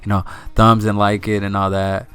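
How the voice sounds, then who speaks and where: A man's voice: fairly low pitch, monotone, normal speed, a bit bright, clean tone. A young man telling a long casual story to his channel, rambling with many fillers and repeated words. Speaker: channel host.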